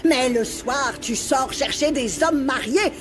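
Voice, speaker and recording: A woman's voice: high voice, slow pace, music in the background. An actress playing a woman furiously accusing her rival of hypocrisy, in a dubbed telenovela. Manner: accusing, shouting insults.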